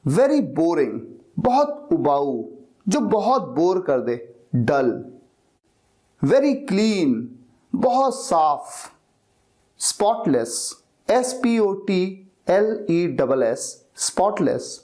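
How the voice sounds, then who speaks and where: A man teaching English vocabulary in a slow lesson, spelling each word out letter by letter and repeating it. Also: high-pitched, sing-song, darkish tone.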